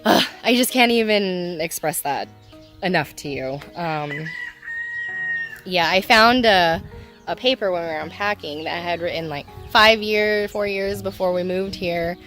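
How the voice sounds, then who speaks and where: A woman's voice: lowish voice, a little slow, a bit bright, soft background music. Emotional, laughing woman vlogging her homestead. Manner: emotional, laughing often, rambling. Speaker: homestead nursery owner. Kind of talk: casual vlog chat.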